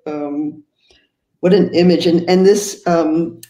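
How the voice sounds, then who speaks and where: A woman's voice: deep voice, fairly even intonation, warm tone. Woman interviewer in an echoey room. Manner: halting, repeats words while framing questions. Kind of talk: conversational interview. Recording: roomy echo.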